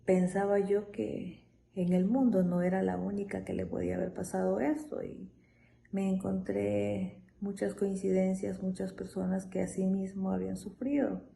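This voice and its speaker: A woman in her thirties from Ecuador, giving a quiet, often whispery personal testimony as a mother. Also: mid-range voice, flat delivery, slight background noise, rough recording. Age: 30s. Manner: slow, soft, often breathy whisper.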